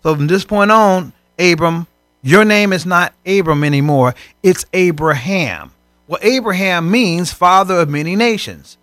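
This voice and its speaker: Guy preaching on a faith show, bright tense voice, gets loud acting out scripture, light music behind. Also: high voice, unhurried, no room sound. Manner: animated, acts out voices in scripture stories. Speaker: co-host of a faith broadcast. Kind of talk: preaching conversation.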